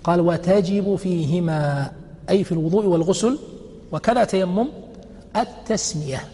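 A man teaching a religious text. He reads each quoted passage slowly, then explains it and checks with his students by asking questions. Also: high voice, warm tone, in a large hall. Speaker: sheikh teaching a fiqh text.

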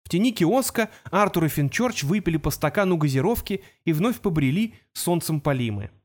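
A man narrating an audiobook in a steady, measured storytelling manner. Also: fairly high pitch. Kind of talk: scripted narration.

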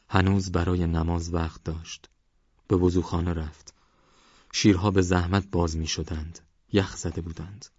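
A man narrating a novel as an audiobook in a measured, even storytelling manner. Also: low voice, breathy edge, no room sound. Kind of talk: scripted narration. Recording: dry, slightly dull recording.

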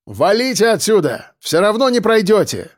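A man voicing a bold young male survivor who shouts back blunt, defiant answers, in an audiobook. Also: high voice, big pitch swings, moderate pace, no room sound, studio quality, pitched above the performer's own voice. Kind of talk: audiobook character voice.

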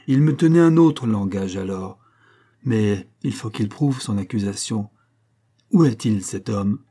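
A man's voice: on the low side, expressive, unhurried, warm tone. A man reading an audiobook who voices a proud young queen, speaking firmly and demanding justice. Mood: indignant. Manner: firm, indignant, demanding.

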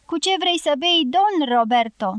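A woman doing a drunk, hoarse man. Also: high-pitched, lively intonation, a bit bright, no room sound, pitched above the performer's own voice. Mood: drunken. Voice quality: hoarse, slurred. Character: drunken hoarse middle-aged man, sullen and proud.

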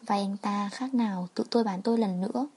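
A woman narrating a first-person story in a quiet, wistful reading. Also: mid-range voice, brisk, a little hiss or hum.

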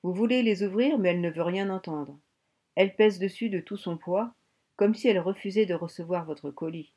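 A shy, earnest bosun aboard a submarine explains the rules patiently and at length, voiced by a woman reading the story. The voice sits low and warm. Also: normal speed, husky. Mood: explaining. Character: embarrassed German submarine bosun, man, earnest.

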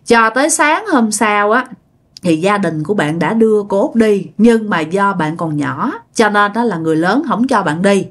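A woman's voice: medium pitch, lively intonation, moderate pace. A woman narrating a ghost story in a chatty, dramatic way, talking straight to her listeners.

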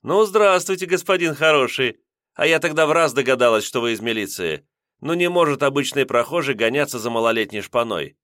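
A man voicing a chatty, quick-talking middle-aged female bus conductress with a sing-song lilt. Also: mid-range voice, a bit bright, no echo, clean studio sound, pitched above the performer's own voice, close to an everyday voice. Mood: chatty, indignant.

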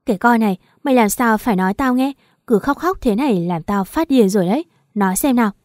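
A brash, foul-mouthed older friend scolds loudly and impatiently in this audio story, as a woman narrator puts her on. The voice keeps a warm, mellow colour under the swearing. The recording is dry and close. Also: fairly high pitch, lively intonation, fast, no echo, lightly acted. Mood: scolding.

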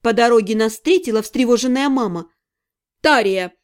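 A woman narrating a fantasy audiobook in the first person, reading expressively. Her voice is high, with a lively, wide-ranging melody. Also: moderate pace. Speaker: audiobook reader.

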